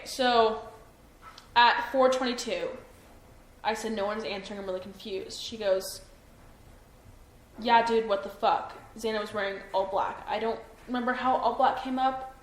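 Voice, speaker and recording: A woman's voice: on the high side, fairly even intonation, normal speed. A young woman being interviewed by police, hesitant and full of ums and self-doubt. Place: interview room. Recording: echoey room, faint noise.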